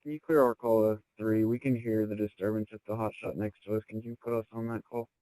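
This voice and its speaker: A man's voice: fairly low pitch, steady tone, fast, warm tone, no room sound. A man, a police officer, making short, urgent calls over a walkie-talkie in poor-quality radio audio. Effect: heard over a walkie-talkie. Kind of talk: terse radio call.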